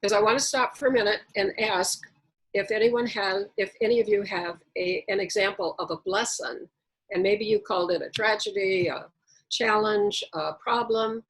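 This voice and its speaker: A woman's voice: medium pitch, breathy edge, rough recording. A middle-aged woman giving a reflective motivational talk on a video call, with wordplay and humor. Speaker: speaker.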